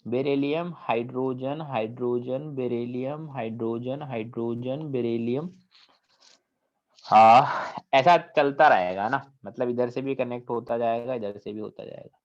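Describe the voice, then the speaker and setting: A man teaching chemistry in a classroom lecture, asking students questions and mixing English terms into his Hindi. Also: medium pitch. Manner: asks the class questions and checks understanding often; mixes English technical terms into Hindi speech. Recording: dull lo-fi recording.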